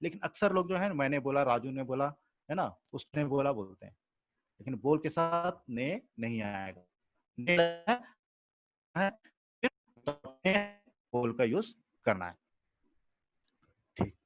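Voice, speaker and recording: A man's voice: medium pitch, sing-song, a little slow, long pauses, highs cut off, over music. A male teacher giving a grammar lesson to a class, explaining patiently, repeating examples and checking that students follow.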